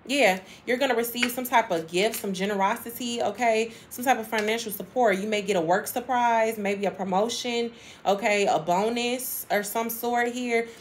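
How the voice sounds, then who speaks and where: With a fairly high pitch and a normal pace, this woman gives her audience a relaxed tarot reading, and there's a little hiss or hum behind her. She chats emphatically, repeats herself, and laughs a lot.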